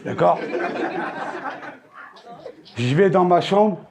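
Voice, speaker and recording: A man doing stand-up comedy on a theater stage, telling crude, slangy stories with loud outbursts. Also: high-pitched, expressive, drawn-out words, a little hiss or hum.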